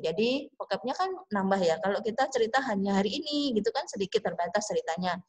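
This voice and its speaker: A woman English teacher with an Indonesian accent, slowly explaining a lesson to her class, drawing out her English phrases. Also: medium pitch, animated, darkish tone. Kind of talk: online class lecture mixing English and Indonesian.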